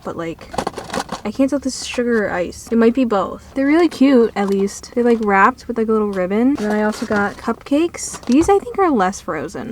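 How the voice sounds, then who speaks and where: A young college woman chats to her phone camera in a loose, rambling way, full of likes and asides. Her voice sits at an ordinary middle pitch. Steady background noise runs under her voice. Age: young adult. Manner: chatty, filler-heavy, self-narrating. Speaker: college student vlogger. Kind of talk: casual vlog narration. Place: around a college campus and dorm.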